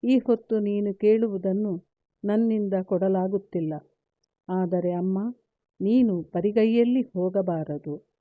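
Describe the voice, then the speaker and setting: A woman's voice: medium pitch, unhurried, dry recording, lightly acted. A woman reading a solemn grieving warrior son. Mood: resolute. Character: grieving noble male warrior son, resolute. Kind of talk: read-aloud epic storytelling. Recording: tinny phone-like, dry.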